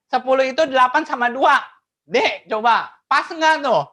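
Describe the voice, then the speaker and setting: A woman teaching math in an online webinar, laughing often and asking her audience lively questions. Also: sits high, a little slow. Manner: laughs often between phrases; acts out quoted remarks in changed voices.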